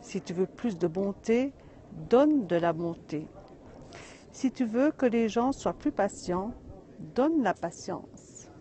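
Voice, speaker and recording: A woman voicing a patient, wise father teaching his son in a storybook tale. He explains gently and without hurry, in a mellow tone. Faint open-air sound lies behind. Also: medium pitch, a little hiss or hum. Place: outdoors in a mountain village.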